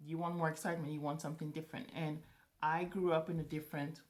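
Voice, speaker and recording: A vlogger in her thirties, raised in Morocco with French as her native language, chats casually to the camera and thinks aloud, often restarting. Her low voice is darkish, level in tone, and fast.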